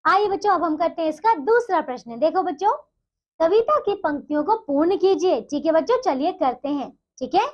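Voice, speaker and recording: A woman's voice: very high voice, animated. A woman teacher leading a primary school Hindi lesson, speaking in a sweet, coaxing tone and often checking in with the children. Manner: slow, sing-song recitation of poem lines. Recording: dull lo-fi recording.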